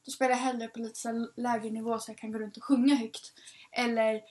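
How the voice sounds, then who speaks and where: A young woman chatting casually with a friend, talking fast with lots of fillers and quick laughs. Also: fairly high pitch, little pitch movement, a little mellow. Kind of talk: casual chat.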